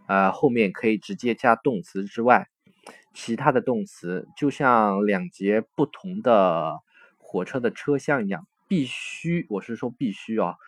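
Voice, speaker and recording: Patient low-voiced man explaining a lesson. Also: no echo. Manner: patient, explanatory, with frequent fillers and self-corrections. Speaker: Italian language teacher. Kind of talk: recorded textbook lesson explanation.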